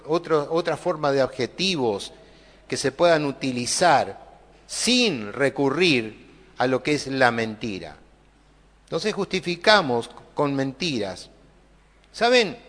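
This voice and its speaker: A man's voice: high voice, fairly bright tone. A man preaching a sermon, talking conversationally with many tag questions and restarts. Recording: long hall reverb.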